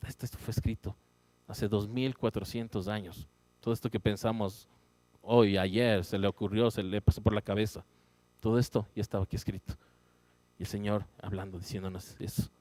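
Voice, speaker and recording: A man teaching a Bible study in a church, animated and conversational, often checking in with his listeners. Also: on the low side, a little fast, no room sound. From Ecuador. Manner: animated, rising emphatic exclamations; conversational, frequent "¿sí?" check-ins. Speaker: pastor.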